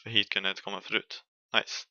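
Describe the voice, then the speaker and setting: Young Swedish man, gravelly and bright, casual horror let's play chatter with yelps. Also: on the low side, flat delivery, dry recording, lo-fi sound. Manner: chatty, jokey, yelps and shouts when chased. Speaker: gaming streamer.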